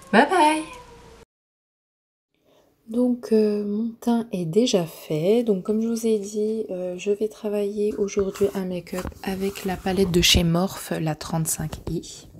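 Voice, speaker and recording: Woman doing a makeup tutorial, slow and husky, lots of ums, kinda whispery. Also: mid-range voice, darkish tone. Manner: hesitant, with frequent filler pauses. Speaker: beauty vlogger.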